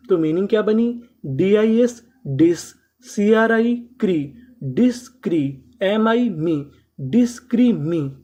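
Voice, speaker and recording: A woman teaching English reading to learners, spelling words out letter by letter, asking her own questions and answering them, and slowly repeating each syllable and word. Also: mid-range voice, a little mellow. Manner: slow drilling repetition of syllables and words.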